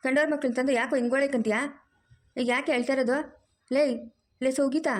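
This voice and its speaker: A woman voicing a bossy, caring middle-aged village aunt, in a loud, scolding, teasing manner. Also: high voice, fairly even intonation, fast talker, pitched above the performer's own voice, lightly acted.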